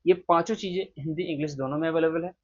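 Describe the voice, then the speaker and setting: Indian male teacher, husky and a little breathy, dull recording, drills sounds slowly. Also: fairly high pitch, steady tone, a little mellow. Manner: explains step by step and models sounds slowly. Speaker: English pronunciation teacher. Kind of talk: pronunciation lesson.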